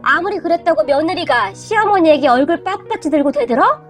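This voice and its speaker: Brief: heated, scolding older mother-in-law in a storybook reading, read by a woman, high voice, faint music under. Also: lively intonation, brisk. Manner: reproachful, heated.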